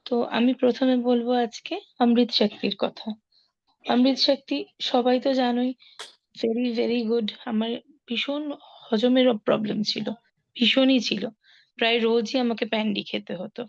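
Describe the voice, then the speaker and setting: A hoarse woman giving a hesitant, casual testimonial, full of fillers. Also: fairly high pitch, little pitch movement, a little slow, lo-fi sound. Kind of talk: casual product testimonial on a video call.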